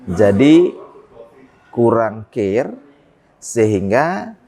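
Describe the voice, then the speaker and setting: A man with a dark tone speaks in a sing-song way, drawing out his words. He's a guest from the port business giving interview answers, hesitating often but rising in pitch to make emphatic points.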